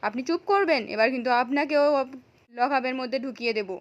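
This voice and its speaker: A woman's voice: high-pitched, fast talker, close to an everyday voice. A woman voicing a blustering, confused male police officer in a retold TV serial scene, blunt and scolding.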